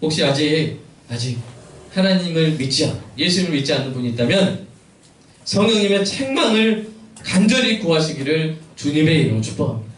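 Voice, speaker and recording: A man preaching a sermon as pastor, his fairly high voice carrying through a reverberant church sanctuary. He keeps asking the congregation questions and answering them himself. The sound is picked up from some way off, with faint room ambience behind him. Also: expressive, fairly quick, recorded from a distance, slight background noise. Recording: echoey church hall, mic from afar.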